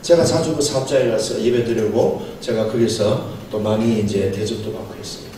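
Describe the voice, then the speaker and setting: A man's voice: fairly low pitch, steady tone, normal speed, warm tone. A middle-aged man, a pastor, preaching a seminar sermon with a storytelling manner and acting out dialogue. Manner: storytelling, acts out dialogue, chuckles often. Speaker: pastor giving a seminar lecture. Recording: very echoey hall, mic far off, faint noise.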